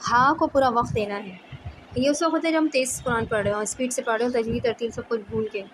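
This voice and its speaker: A woman teaching tajweed one-on-one, patiently explaining letters and demonstrating each sound slowly. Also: a little high, noisy background. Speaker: Quran recitation teacher.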